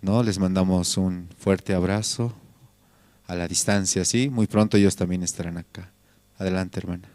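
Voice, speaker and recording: Bolivian guy praying out loud, low monotone voice, keeps saying lord after every bit. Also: moderate pace, no room sound. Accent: Bolivian Spanish. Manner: repeats "Señor" between every phrase. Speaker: pastor leading prayer service. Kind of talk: spoken prayer.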